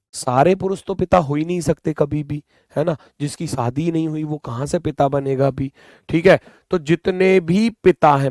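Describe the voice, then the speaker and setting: A man with a Hindi accent teaches a reasoning class for exam aspirants, talking straight to his students. His voice sits a little high, and he repeats each point in a coaxing, chatty way. The sound is close and dry, with no room around it. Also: no room sound. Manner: repetitive, coaxing, addresses students as bhai and beta. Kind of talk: exam-prep class lecture.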